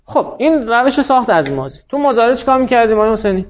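High-voiced male teacher, lo-fi classroom. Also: very animated. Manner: explains step by step, quizzes students by name. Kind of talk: classroom lecture.

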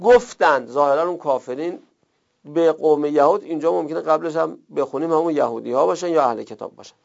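A man's voice: fairly high pitch, creaky, muffled recording. A man teaching an Arabic grammar lesson, explaining step by step and asking and answering his own questions. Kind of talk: recorded classroom lesson.

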